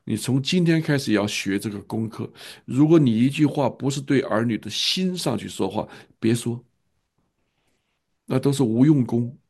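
A male pastor tells a story in sermon style, earnest and repeating key phrases. His voice is gravelly, with a husky edge. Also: medium pitch, lively intonation, moderate pace, a little mellow.

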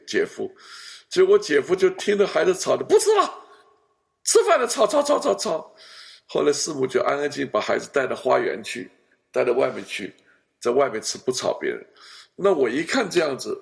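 Male pastor, animated storyteller with a gravelly edge; counseling talk. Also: medium pitch. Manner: animated storyteller, acts out family scenes.

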